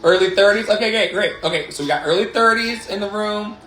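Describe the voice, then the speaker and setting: In a high, brisk, slightly bright voice, a man in his late thirties leads a motivational livestream as a life coach. He's candid and emphatic, swearing and circling back to affirming phrases, and the living room setting gives roomy echo with background music.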